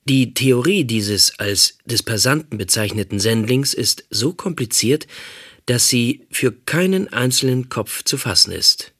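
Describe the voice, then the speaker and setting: A man giving a calm, measured audiobook narration. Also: mid-range voice, breathy edge.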